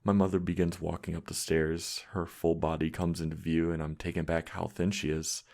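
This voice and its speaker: A man narrating a scripted horror story with a measured, steady delivery. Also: low-pitched, vocal fry. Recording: music playing underneath.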